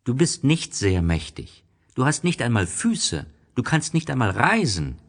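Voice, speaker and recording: A small, innocent boy prince from a storybook, played by a man, pitched far up and lively. He sounds earnest, polite and full of curiosity. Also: measured pace. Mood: amused.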